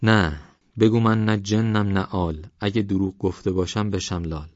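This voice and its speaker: Guy putting on a jumpy old dervish, higher and louder than his usual, begging, audiobook. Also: fairly even intonation, no room sound, natural voice. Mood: wary. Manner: fearful and pleading, raised voice. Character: frightened old male wandering dervish. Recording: dry, slightly dull recording.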